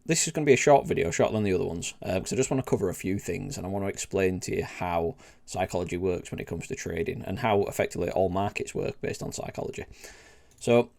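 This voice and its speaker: A man's voice: low voice, fast, vocal fry, a little mellow. A middle-aged man with an old Yorkshire accent, speaking bluntly and plainly as he hosts an informal educational video, often checking in with short tag questions. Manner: blunt, plain-spoken, often tags sentences with "right?" and "okay?". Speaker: host of a trading tips video series. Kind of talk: informal educational monologue to camera.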